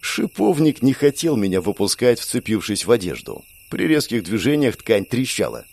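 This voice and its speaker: Expressive male audiobook narrator. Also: fairly low pitch, normal speed, vocal fry. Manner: wry, expressive storytelling. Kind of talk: first-person audiobook narration.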